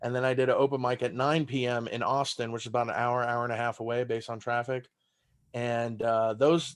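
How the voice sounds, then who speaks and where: A man in his thirties from Texas, whose first language is German, appears as a comedian guest on a podcast. He talks in a rambling, casual way in a mid-range voice and swears freely.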